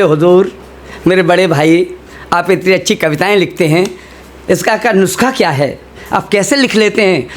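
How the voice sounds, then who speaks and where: A man telling a comic story on stage as a humorous poet, acting out the characters' lines. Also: high voice. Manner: animated, acts out characters' lines.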